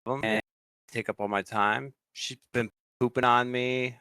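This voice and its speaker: A man, a podcast guest, relaxed and good-humored. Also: mid-range voice, normal speed, clean tone, no echo, studio quality. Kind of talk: casual chat.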